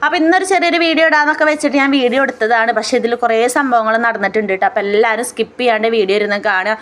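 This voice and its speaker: A woman's voice: on the high side, a bit bright. A woman, chatting casually as she narrates her family vlog step by step. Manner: chatty, tells the story step by step. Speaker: family vlogger.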